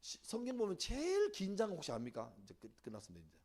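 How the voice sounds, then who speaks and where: A middle-aged man preaching to teenagers at a church retreat, switching between hushed asides and loud acted-out prayers. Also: sits high, fast. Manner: animated, swings from hushed to shouting, acts out prayers. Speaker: youth pastor. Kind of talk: sermon. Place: church youth winter retreat.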